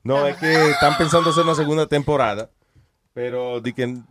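A man's voice: fairly high pitch, brisk, very noisy. A man hosting a radio talk show, joking and switching between Spanish and English. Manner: mixes Spanish and English, jokey. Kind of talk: casual radio banter.

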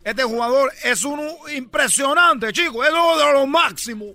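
A man voicing a boastful Cuban baseball player with a Cuban accent in a comedic radio bit, loud and rambling, repeating himself. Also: very high voice, normal speed, dry recording, soft background music, exaggerated voice. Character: boastful Cuban ballplayer, adult man, brash joker.

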